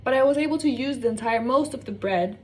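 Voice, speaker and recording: A young Norwegian woman with a fast, high-sided, somewhat dark voice chats casually in her cooking vlog, wandering off on tangents as she cooks in her home kitchen. The mic is slightly distant, with faint room noise.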